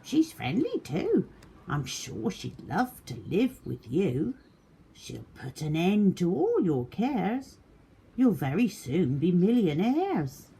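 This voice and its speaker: A woman's voice: lowish voice, huge pitch swings, slow pace, creaky, mellow, breathy edge, pitched above the performer's own voice, exaggerated voice. A woman voicing a sly, coaxing female farmyard duck in a children's storybook. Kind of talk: children's storybook read aloud.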